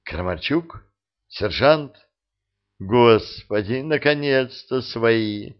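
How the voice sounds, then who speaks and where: A frightened young woman partisan, as a man reads her part. She speaks in an anxious, hushed half-whisper, and the recording sounds dull and lo-fi. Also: medium pitch, expressive, drawn-out words.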